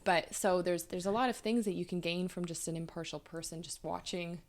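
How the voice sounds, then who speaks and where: A woman from Canada, in her thirties, talks through relationship problems as a couples therapist. Her voice sits a little low and has a gravelly edge. She explains at length and leans on everyday examples. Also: fairly even intonation, fairly quick. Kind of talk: conversational interview.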